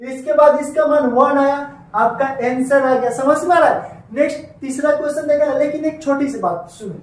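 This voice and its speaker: High-voiced Bihari maths teacher, echoey room. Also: male voice, moderate pace, recorded from a distance. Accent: Bihari Hindi. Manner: repetitive, voices students' questions back to them. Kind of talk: classroom maths lesson.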